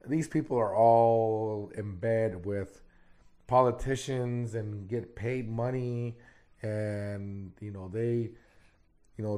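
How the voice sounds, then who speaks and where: A podcast host from Arizona in the United States talks alone in a mellow, mid-range voice on a casual show. He rambles and repeats words, and his voice is still recovering after he lost it.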